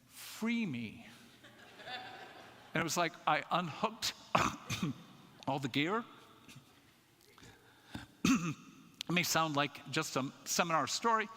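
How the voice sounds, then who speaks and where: An older man giving a conference talk in a church, telling a family story in an animated, self-mocking way. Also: on the high side. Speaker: conference speaker. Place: church sanctuary. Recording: echoey church hall.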